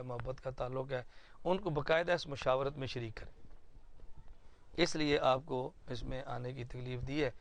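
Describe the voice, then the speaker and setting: A man addresses a roomful of supporters, his voice carrying a gravelly rasp. He speaks in an earnest, explanatory way and leans on everyday examples to make his points. His pitch sits at an ordinary middle level. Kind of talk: informal address to a planning meeting. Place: indoor meeting room.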